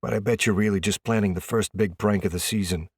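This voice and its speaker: Brief: male narrator voicing a laid-back hockey teammate, wry and relaxed, lowish voice, dry sound. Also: fast talker, breathy edge, no room sound. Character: hockey player friend, young man, easygoing.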